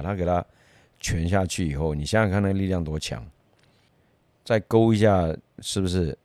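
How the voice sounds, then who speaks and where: A middle-aged man from Myanmar, a martial arts teacher, telling stories in a casual, lively way and chuckling often. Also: sits low, no room sound, studio quality. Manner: lively anecdotal, chuckles often, many fillers. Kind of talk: casual storytelling.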